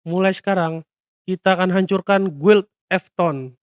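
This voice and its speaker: A man's voice: high voice, fairly even intonation, unhurried, clear, resonant tone, no room sound, clean studio sound. A man doing a fed-up young adventurer. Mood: grim. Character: frustrated young male adventurer, scheming.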